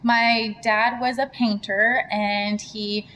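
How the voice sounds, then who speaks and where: A woman's voice: a little high, flat delivery, takes it slowly, a bit bright, a little hiss or hum, low-quality recording. A woman from Serbia talking candidly as an entrepreneur guest in a casual interview. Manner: candid, chatty.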